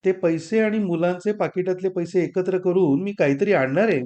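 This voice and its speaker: A man voicing a fretful middle-aged wife who pleads and complains, quick to tears. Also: high-pitched, a little mellow, natural voice. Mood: wheedling. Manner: pleading, complaining, sing-song.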